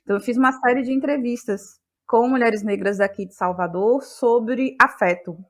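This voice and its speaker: Thoughtful and searching, a playwright and actress from Bahia, Brazil talks in an interview about her creative process. Her voice is a little high at a moderate pace, and she repeats words as her ideas come together.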